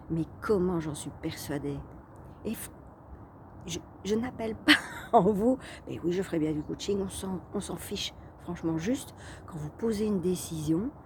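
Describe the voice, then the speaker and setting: A woman's voice: fairly low pitch, background noise. A woman coach talking casually to her viewers, chatty and hesitant, with frequent fillers and restarts. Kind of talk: casual talking-head vlog.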